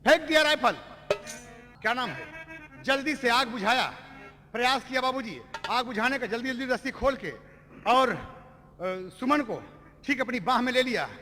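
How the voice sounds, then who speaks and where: A man's voice: very high-pitched, normal speed, pauses often, sharp tone. A man with a Bhojpuri accent performing dramatic Birha folk storytelling, addressing listeners in a declamatory way. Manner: declamatory, addresses audience as babuji. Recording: echoey stage recording with music. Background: music.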